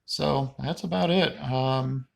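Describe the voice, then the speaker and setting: A man with a creaky voice giving a casual, unscripted personal update in a halting, rambling, plain-spoken way. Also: mid-range voice. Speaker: patient vlogger giving a recovery update.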